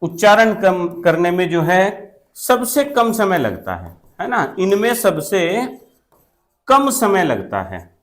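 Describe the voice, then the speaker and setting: Male exam-coaching teacher, high voice, repetitive question-and-answer drilling, steady classroom delivery. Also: slow pace. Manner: repetitive, asks questions and answers them himself, often checks with "theek hai na". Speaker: Hindi grammar teacher. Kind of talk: exam-prep classroom lesson.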